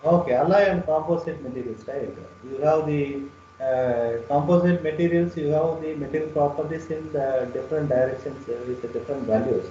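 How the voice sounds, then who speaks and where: Echoey, mellow Indian man lecturing. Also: a little high, brisk. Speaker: webinar presenter, engineering lecturer. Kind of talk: technical lecture and question answering. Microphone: online call. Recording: echoey, dull, distant webinar audio, faint noise.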